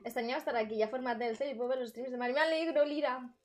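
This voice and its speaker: A woman from Spain chatting casually with her viewers on a live stream from a bedroom, bubbly and laughing often, with loud sudden exclamations. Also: high voice, steady tone, rapid-fire, faint music behind. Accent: Spain Spanish. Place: bedroom at her grandmother's home.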